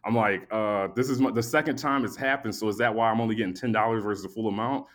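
A sleepy man hosting a podcast, telling a long story in a casual, animated, profane way and acting out both sides of the exchange. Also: lowish voice, quick pace. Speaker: podcast host.

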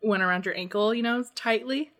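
A woman's voice: on the high side, fairly quick, fairly bright tone. A young adult woman in casual chat, telling funny stories with frequent laughter and lots of "like". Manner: giggly storyteller, lots of "like" and laughter.

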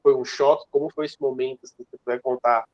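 Fast-talking young São man, dull dry mic. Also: medium pitch, steady tone, dry recording. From São Paulo, Brazil. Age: 20s. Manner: long, winding questions full of asides. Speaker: podcast host. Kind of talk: casual podcast interview.

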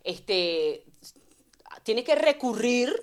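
A woman who works as an actress, telling stories about her work in an expressive, casual way. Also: a little high, drawn-out words. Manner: expressive, animated storyteller. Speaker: actress and voice actor guest. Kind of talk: casual chat.

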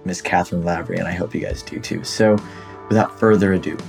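Deep-voiced upbeat man hosting a podcast. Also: steady tone, quick pace, gravelly, darkish tone, soft background music. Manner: upbeat, enthusiastic. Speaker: podcast host. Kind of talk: casual podcast interview. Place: apartment.

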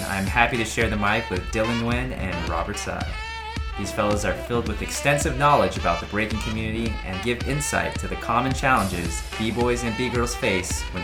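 A man hosting a casual podcast, upbeat and playful, often laughing with his guests. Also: lowish voice. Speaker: podcast host.

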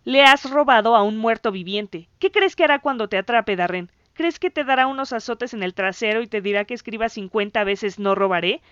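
A woman voicing an excitable boy who stammers and shouts insults at his friend. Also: fairly high pitch, brisk, few pauses, clean tone, no echo, dull audio, natural voice. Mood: furious.

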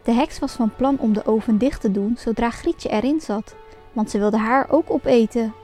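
A woman reading a fairy tale aloud as a storyteller, in a lively and expressive storybook manner. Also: on the high side, moderate pace. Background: faint music.

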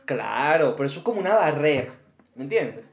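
A young Venezuelan man chats loosely as a podcast co-host, slangy and quick to jump in. His voice sits a bit high, and the recording carries a noticeable roomy echo. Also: sing-song, gravelly. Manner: slangy, laughs easily, chimes in. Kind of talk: casual chat.

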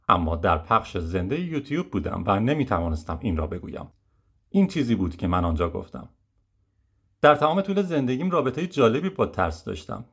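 A man reading a first-person memoir audiobook, steady and reflective. His voice sits at an ordinary middle pitch, with a calm, measured delivery. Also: breathy edge. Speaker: audiobook narrator.

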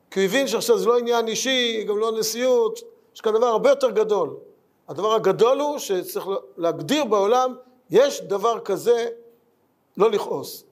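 A man giving a Talmud lesson in an earnest way, asking rhetorical questions and repeating his points. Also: high voice. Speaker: Torah teacher.

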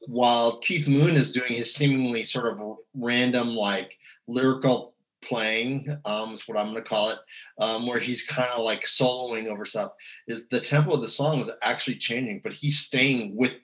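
A man's voice: medium pitch, steady tone, moderate pace, a bit bright, low-quality recording. A man in casual conversation, talking at length with many fillers and restarts. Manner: rambling, chatty, lots of fillers and restarts. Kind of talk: casual music chat.

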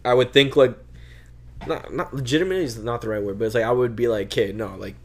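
A young man on a casual podcast, telling a long military story in an animated, profane, slangy way. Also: medium pitch, fast. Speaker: podcast co-host. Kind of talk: casual chat.

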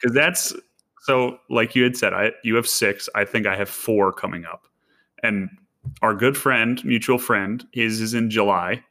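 Young male podcast co-host, slangy and animated, voice a bit low. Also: a little slow. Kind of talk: casual chat.

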